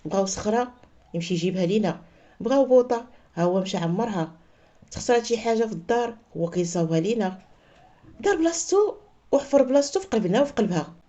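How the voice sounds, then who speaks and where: A Moroccan woman narrates a story quickly, with a high, lively voice that rises and falls a lot. Her tone is mellow rather than bright. The recording sounds slightly muffled. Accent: Moroccan Arabic.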